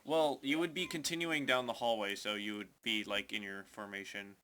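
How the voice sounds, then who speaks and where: A man narrating as game master in a tabletop game, loose and halting with many fillers. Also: lowish voice, fairly even intonation, bright, forceful tone.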